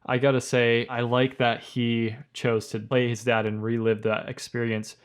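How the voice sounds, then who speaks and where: A man with an ordinary mid-pitched voice reflects on a film in a relaxed podcast conversation. He hedges and weighs both sides, pausing on fillers as he works out his view. His tone is measured rather than forceful. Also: clear, resonant tone. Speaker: podcast co-host, filmmaker. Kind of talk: casual film discussion.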